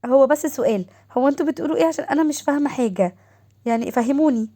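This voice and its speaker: A woman's voice: sits high, rapid-fire, dark tone, voice pushed up, lightly acted. A woman voicing a playful young wife who whines and protests, with an Egyptian accent. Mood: puzzled. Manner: squealing, protesting.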